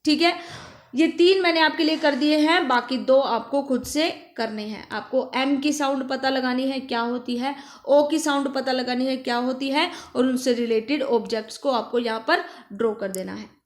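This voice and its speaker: A woman teacher with a high voice runs a primary school phonics lesson, repeating words slowly and answering the questions she asks. The room is echoey.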